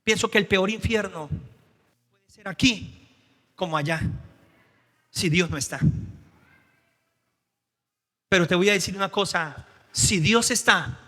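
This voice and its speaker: A Colombian man preaching a dramatic sermon in a church, acting out Bible scenes and swinging from soft, low passages to loud, high exclamations. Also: measured pace, long pauses. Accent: Colombian Spanish. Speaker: pastor. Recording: long reverb of a church hall.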